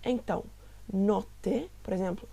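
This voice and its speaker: A woman's voice: medium pitch, unhurried, gravelly, dark tone, breathy edge. A woman from Italy, teaching an online language lesson in a patient way and often checking that listeners follow along. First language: Italian. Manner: patient, often checks understanding with tag questions.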